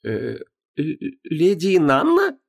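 A sardonic young heroine, put on by a man reading an audiobook, pitched well above his own voice and swinging widely in tone. She stammers and hesitates, then turns her words into sharp sarcasm. The timbre shifts away from the reader's usual sound. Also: huge pitch swings, slow pace, creaky, exaggerated voice. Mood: hesitant. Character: sardonic young woman, heroine and restless spirit.

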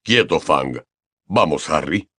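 A man reads aloud as a giant of a gamekeeper, rumbling very low and dry, close to the mic. His talk is blunt and guarding, with a growling edge. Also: expressive, slow pace, pushed and bright, breathy edge, no room sound, heavily acted. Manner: blunt and protective. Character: huge, gruff, loyal gamekeeper man. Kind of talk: audiobook character voice.

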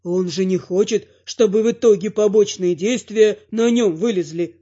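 Man doing a dwarf prisoner, calm, matter-of-fact, high-ish voice, muffled audio. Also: moderate pace, husky. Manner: calm, plain-spoken.

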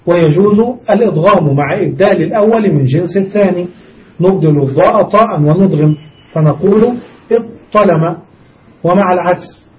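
High-voiced man teaching from off-mic. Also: far from the mic. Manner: explains step by step, repeats examples, asks students questions. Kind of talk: grammar lesson. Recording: dull recording from off-mic.

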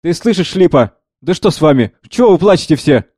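A man reading the part of an agitated young freethinker who shouts, mocks and pleads. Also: a little high, lively intonation, fairly quick, no echo, clean studio sound, pitched above the performer's own voice. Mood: incredulous.

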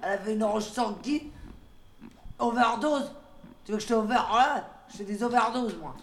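High-voiced woman riffing on wordplay. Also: normal speed. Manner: rambling, playing with words and letters. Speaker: radio workshop participant. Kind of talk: freewheeling improvised chat.

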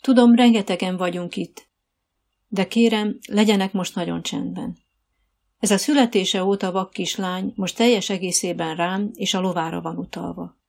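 A woman voicing a calm, encouraging female riding instructor who speaks in soothing, steady commands. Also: mid-range voice, gravelly. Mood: reassuring.

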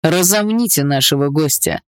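A man voicing a smooth, sadistic middle-aged stepfather who speaks in a falsely fatherly tone. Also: a little high, moderate pace, no room sound, clean studio sound, close to an everyday voice. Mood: falsely gentle. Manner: mock-gentle, fatherly menace.

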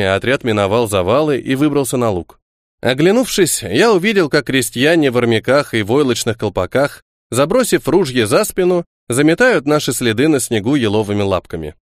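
A man reading an audiobook aloud in first-person narration, with lively storytelling. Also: mid-range voice, dry recording, studio quality.

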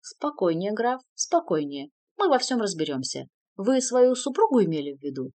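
A woman voicing a stately male cardinal who speaks slowly and calmly. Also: mid-range voice, no echo, natural voice. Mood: measured calm. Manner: slow, measured, placating.

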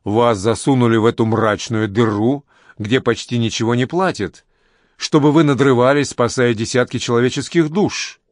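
A man reading aloud, voicing a mysterious male stranger who coaxes and flatters in a smooth, persuasive way, in a dry-sounding recording. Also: mid-range voice, moderate pace, dry recording, natural voice. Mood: coaxing. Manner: coaxing, flattering.

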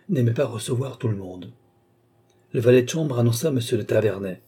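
A man reading a classic novel aloud in a measured, even narration. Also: medium pitch, slightly rough. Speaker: audiobook narrator. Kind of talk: scripted narration.

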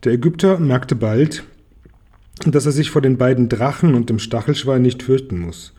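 A man calmly reading a children's book aloud. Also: medium pitch, moderate pace, husky. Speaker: reader.

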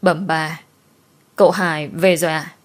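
Woman voicing a shrill panicked servant girl. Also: fairly even intonation, unhurried. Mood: frantic. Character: frightened panting young servant girl.

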